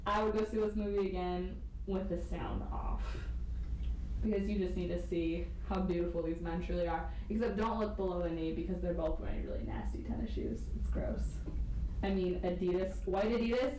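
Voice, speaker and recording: A woman's voice: on the low side, fairly even intonation, normal speed, mellow. A woman giving a casual, comic film rant in a loose drunken manner, sarcastic and sweary. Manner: tipsy, loose drunken delivery; acts out quotes in mocking voices. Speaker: amateur film reviewer. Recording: echoey room, distant mic, faint noise.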